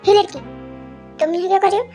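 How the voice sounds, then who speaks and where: A woman doing a jealous sharp-tongued young woman. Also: very high voice, steady tone, quick pace, soft background music. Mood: hostile. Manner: snappish and commanding.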